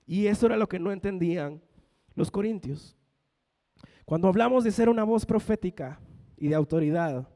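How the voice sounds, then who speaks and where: A man's voice: sits high, darkish tone. A young man, preaching a sermon as a pastor, building emphasis and acting out the voices he quotes. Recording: long hall reverb from a church.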